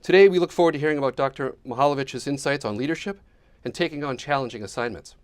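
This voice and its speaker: A man of middling pitch introduces a guest speaker at a lecture, reading from prepared remarks. His delivery is formal and measured. The talk carries the feel of a public event. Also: clear, resonant tone. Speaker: series director introducing guest. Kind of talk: scripted introduction. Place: lecture hall before a live audience.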